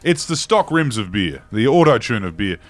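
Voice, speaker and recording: A man with a Queensland accent co-hosting satirical news in a deadpan, colloquial, blokey way. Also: fairly low pitch, moderate pace, faint music behind. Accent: Queensland Australian. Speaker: co-host of satirical news show. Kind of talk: deadpan mock-news banter.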